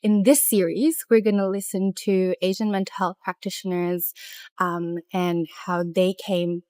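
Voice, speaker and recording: Smooth-voiced woman host, clear delivery. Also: lowish voice, fairly even intonation, a little slow, a little mellow, dry recording, studio quality. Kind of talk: scripted introduction.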